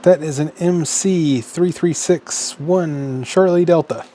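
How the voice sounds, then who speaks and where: Working at an indoor bench, an American man hosting an electronics teardown video mutters casual, unscripted commentary to himself in short, trailing remarks. His voice is a little high, slow and mellow. The home recording is clearly noisy, and he sometimes drifts off-mic.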